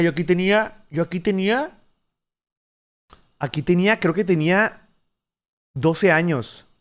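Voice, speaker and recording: A Mexican man in his twenties reacting to an old clip on stream, talking in a casual, slangy, joking way. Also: a little high. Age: 20s.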